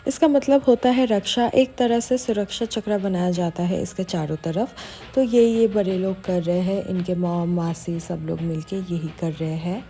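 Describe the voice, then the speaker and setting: A woman's voice: mid-range voice, mellow. A woman from India narrating a vlog in a casual, chatty way, switching between Hindi and English. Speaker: vlogger.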